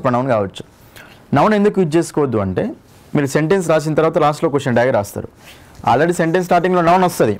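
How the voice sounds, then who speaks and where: Man, Telugu accent, exam-prep grammar teacher, quick delivery, repeats rules. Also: on the high side. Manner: repeats each rule and asks the class to confirm. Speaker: English teacher.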